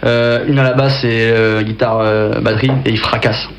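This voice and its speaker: A man's voice: medium pitch, little pitch movement, normal speed, background noise. A man, a musician guest on the radio, speaking hesitantly with many fillers. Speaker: band member guest. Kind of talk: casual chat.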